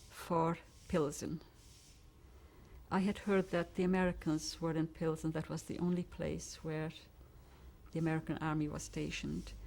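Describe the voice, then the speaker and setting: A woman's voice: lowish voice, a little mellow. Elderly woman telling her story. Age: 90s. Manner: vivid storytelling, acting out dialogue. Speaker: interviewee. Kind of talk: oral history testimony.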